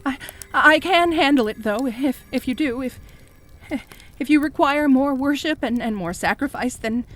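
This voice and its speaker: Woman playing a high-voiced, obsessive cult priestess. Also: expressive, normal speed, a bit bright. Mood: fervent, insistent. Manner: fawning, pleading, stammering devotion. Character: obsessive fanatical female cult high priestess, fawning, jealous, unhinged. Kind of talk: scripted audio role-play addressed to the listener.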